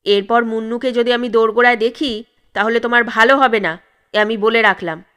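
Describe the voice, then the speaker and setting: A woman's voice: on the high side, fairly even intonation, a little fast, fairly bright tone, clean tone, lightly acted. A woman voicing an angry, suspicious husband who scolds his wife in a raised, accusing voice. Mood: angry scolding.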